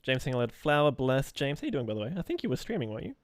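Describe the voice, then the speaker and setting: A man's voice: medium pitch, big pitch swings, racing, slight background noise. A young man live streaming while he draws, chatting loosely with viewers and reading out and answering their messages in a rambling way.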